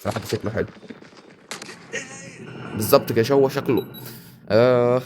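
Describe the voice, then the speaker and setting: A young man with an Egyptian Arabic accent giving casual, excitable commentary over a video game he is playing. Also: medium pitch, a little hiss or hum. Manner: excitable, rapid banter and repeated exclamations. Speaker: gaming YouTuber.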